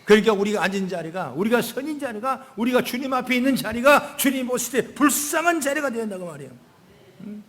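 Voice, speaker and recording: An older man, a pastor, preaching a sermon with swings between loud emphatic calls and soft low asides. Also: lively intonation, a little fast. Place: church sanctuary. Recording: long hall reverb.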